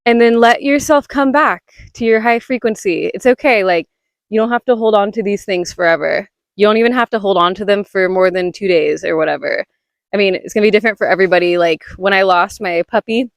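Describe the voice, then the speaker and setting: A woman's voice: medium pitch, no room sound. Breathless young woman vlogging on a walk. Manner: rambling, lots of "like" fillers, laughs often. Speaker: spiritual vlogger. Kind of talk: casual walking vlog. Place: outdoors on a rainy hiking trail. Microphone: body-worn mic close to the mouth.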